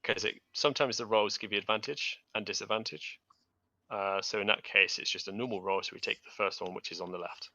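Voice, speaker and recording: A man's voice: on the low side, fairly even intonation, a little fast, sharp tone, dry recording, dull audio. A man acting as game master, narrating and explaining rules in an online tabletop role-playing game.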